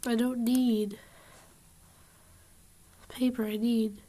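A woman with a somewhat high voice narrates her gameplay. She mutters and grumbles to herself, puzzled by the game's rules. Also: flat delivery, extremely slow, warm tone. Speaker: gamer. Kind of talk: gameplay commentary.

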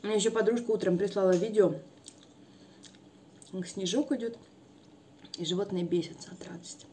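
A woman with a Russian accent, a mukbang vlogger chatting softly at home with her mouth full of rice. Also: medium pitch, moderate pace, slight background noise. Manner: soft, chatty, musing aloud. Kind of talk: casual chat while eating.

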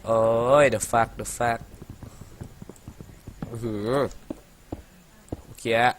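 A man's voice: medium pitch, monotone, extremely slow, slight background noise. A young man from Thailand giving casual, profane let's-play commentary, chattering and laughing as he plays. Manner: rowdy and profane, laughs a lot, playful chatter. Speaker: gaming commentator.

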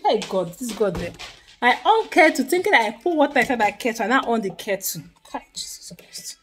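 A young Nigerian woman, a stay-at-home mom, chatting to her phone camera at home. She sighs, murmurs when tired and gets loud when excited. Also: fairly quick, slight background noise. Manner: chatty, sighing, switches between low tired murmurs and loud excited outbursts. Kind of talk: casual talking-to-camera vlog. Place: home kitchen and rooms, indoors. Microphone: phone camera held close.

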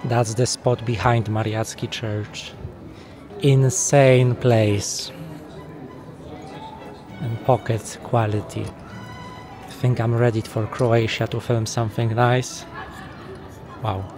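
With music playing behind him, a travel vlogger gives casual commentary outdoors in a city's market and old town, captured by a small handheld camera mic. He's chatty, jokey and easily impressed, speaking slowly with frequent pauses in a mid-range voice with fairly even intonation.

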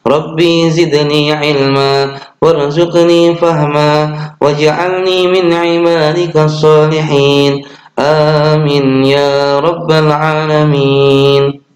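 A young man with an Indonesian accent teaching an online class to children. He talks slowly and patiently, with fillers and small self-corrections, and chants the opening prayer. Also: a little high, flat delivery, faint music behind. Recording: echoey room.

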